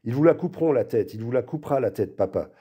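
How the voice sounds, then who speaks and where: A man's voice: on the high side, racing, warm tone, voice pushed up. A man voicing a tearful, furious little girl who wails with a raised voice. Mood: wailing, furious. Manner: wailing, raised voice.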